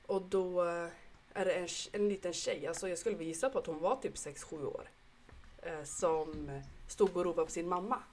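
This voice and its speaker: A woman and mother, co-hosting a casual podcast chat, telling stories in a lively way and swearing now and then. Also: lowish voice, slight background noise. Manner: lively storyteller who swears. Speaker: podcast co-host; mother of a young son.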